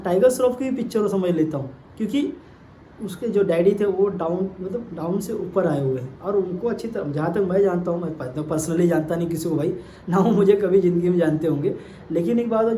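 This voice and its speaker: A man's voice: sits high, mellow, a little hiss or hum. A man giving an earnest opinion monologue, appealing directly to his viewers. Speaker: YouTube commentator. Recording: echoey room with faint ambience.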